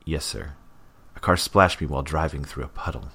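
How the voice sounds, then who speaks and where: A man's voice: rumbling low, a little fast, sharp tone, husky, full character voice. A man voicing a young male underling who is nervous and deferential, speaking politely and hesitantly.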